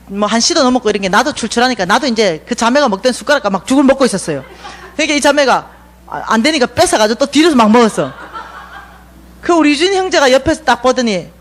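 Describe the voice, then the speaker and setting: Woman, middle-aged, Gyeongsang accent, church seminar speaker, lively storyteller, very animated pitch. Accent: Gyeongsang Korean. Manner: animated, acts out dialogue with big shifts in pitch and volume. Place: church lecture hall.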